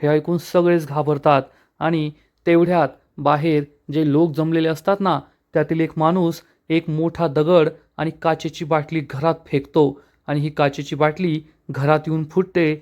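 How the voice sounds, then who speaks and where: A man's voice: a little high, flat delivery, measured pace, a little mellow. A man recapping a TV drama episode with dramatic storytelling. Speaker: narrator.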